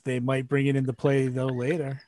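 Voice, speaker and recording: A man's voice: mid-range voice, completely flat delivery, moderate pace, darkish tone, no echo. Easygoing man on a dry podcast mic. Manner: easygoing, joking, fond of fan speculation. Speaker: podcast co-host. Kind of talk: casual podcast banter.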